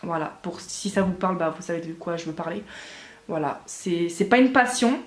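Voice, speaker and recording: A woman's voice: fairly low pitch, expressive, moderate pace. A woman in her twenties answering viewer questions in a casual vlog, chatty and hesitant with many fillers. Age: 20s. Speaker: doll collector vlogger. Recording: echoey room.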